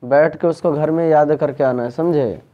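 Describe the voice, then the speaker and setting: A man with a fairly high pitch and fairly even intonation teaches a grammar lesson at a moderate pace. Working in a tuition classroom, he drills his students with repeated questions, and the recording is dull.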